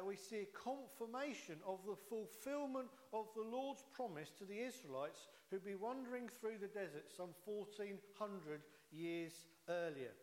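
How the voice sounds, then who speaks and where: A man with a Yorkshire accent preaching a sermon in a chatty, folksy way, often pausing with "uh". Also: high-pitched. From Yorkshire, England. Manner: chatty, folksy, with jokes and frequent "uh". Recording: echoey hall.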